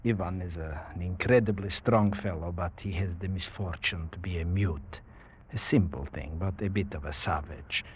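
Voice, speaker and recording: An actor playing a courtly aristocratic general in a vintage radio drama, formal, courteous and measured. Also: male voice, low voice, a little hiss or hum, natural voice. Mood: courtly, smooth. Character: suave, courtly aristocratic general, a menacing hunter host. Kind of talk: 1940s-50s radio drama acting. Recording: dull vintage radio recording.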